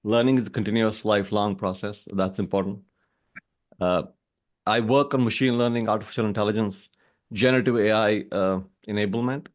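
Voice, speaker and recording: Male tech panelist, lowish voice, orderly point-by-point delivery, informal introduction on a call. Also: steady tone, a little fast. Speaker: guest panelist, technologist. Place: online video call.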